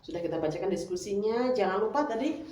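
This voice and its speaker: A woman's voice: medium pitch, animated, fast, warm tone, soft background music. A woman teacher leading a class, coaxing her pupils with questions. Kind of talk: classroom lesson. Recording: echoey room, mic far off.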